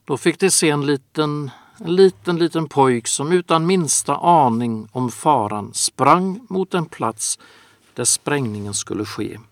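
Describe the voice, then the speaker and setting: A man preaching a sermon in a slow, earnest manner, drawing out his phrases. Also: a little high, expressive, no echo.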